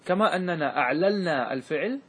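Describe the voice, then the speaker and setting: A man, a sheikh, teaching a class on Arabic grammar, reciting verse slowly and checking whether students follow. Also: fairly high pitch, lively intonation. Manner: asks students rhetorical checks like "clear?". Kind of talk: classroom lesson explaining verse.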